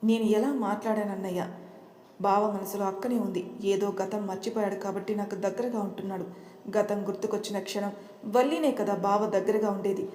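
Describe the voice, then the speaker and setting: A woman's voice: mid-range voice, steady tone, brisk, slight background noise, natural voice. Woman playing a meek, anxious young wife. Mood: worried. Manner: soft, doubtful. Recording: roomy echo.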